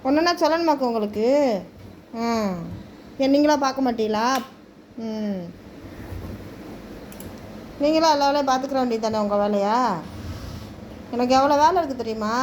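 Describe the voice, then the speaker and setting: A woman's voice: a little high, a little mellow, a little hiss or hum. A mother at home talking casually to her small child, coaxing and scolding by turns.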